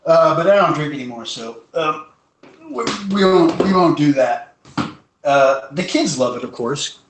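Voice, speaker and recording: A man's voice: a little high, animated, measured pace, noisy background. Joking, rambling man in an echoey room. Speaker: host. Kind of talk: casual live stream chat. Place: home.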